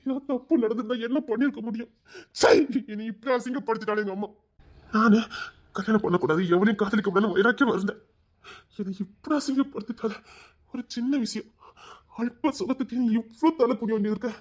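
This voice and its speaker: Guy doing an ashamed hotheaded young village man, high voice, agitated. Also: brisk. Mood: ashamed, frantic. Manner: agitated, self-reproaching outbursts. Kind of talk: village drama acting.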